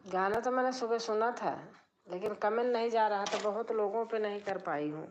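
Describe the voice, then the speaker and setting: A middle-aged woman with a mid-range voice talks at a normal speed, the lo-fi recording carrying background noise. She's live streaming from her drawing room, softly reading comments and chatting casually with viewers while keeping her voice low.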